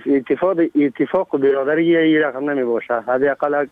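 A man's voice: a little high, fairly even intonation, no echo. A man calling in to a radio show, aggrieved and full of polite blessings, heard over a tinny phone line. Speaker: caller. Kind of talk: phone-in call.

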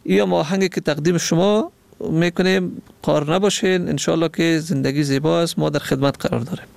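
A man hosting a radio phone-in, calmly explaining and soothing a caller. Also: a little high, gravelly. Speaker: radio host.

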